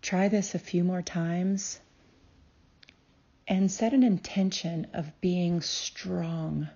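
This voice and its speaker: A woman who is a healer hosts a guided meditation, speaking very slowly with long pauses between phrases. Her voice is soft-edged, mellow, husky, and a little low, with a calm, soothing delivery. The recording sounds slightly dull.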